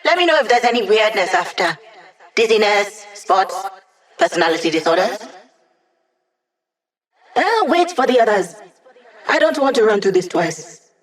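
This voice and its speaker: A woman's voice: medium pitch, sing-song, normal speed, long pauses, natural voice. A woman as Hack, wry young hacker. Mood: wry, playful. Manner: wry, casual, teasing tech-savvy banter. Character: young female hacker, wry, playful tech support for villains. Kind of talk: video game character dialogue.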